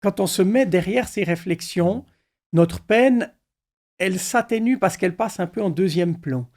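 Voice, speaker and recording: A middle-aged pastor with a slightly high voice, calm and deliberate. He shares his thoughts in a measured, reflective way. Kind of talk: reflective conversation.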